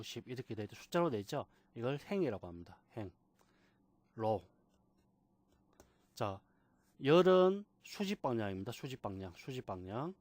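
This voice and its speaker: A man's voice: mid-range voice, a little mellow, no room sound. Patient man teaching, dry close mic. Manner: patient, repeats key terms slowly, asks rhetorical questions. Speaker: computer instructor. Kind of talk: screen-recorded software tutorial.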